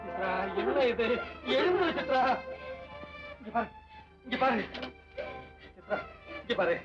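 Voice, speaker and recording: A man's voice: extremely high pitch, sing-song, slow, music in the background, exaggerated voice. An actor playing a patient, tender young husband in a 1970s film drama, coaxing and teasing his wife. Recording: dull old film soundtrack.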